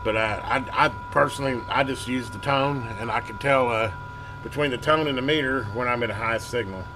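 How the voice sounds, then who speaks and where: In a casual repair video for his hobby electronics channel, a man with a medium-pitched voice speaks a little quickly. He walks through the work informally, one step at a time, against clear background noise.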